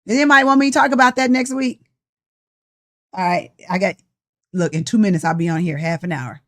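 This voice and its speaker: A life coach in her sixties with a fairly low, brisk voice gives a motivational live-stream talk. She addresses her viewers directly, sounding passionate, tired and preachy.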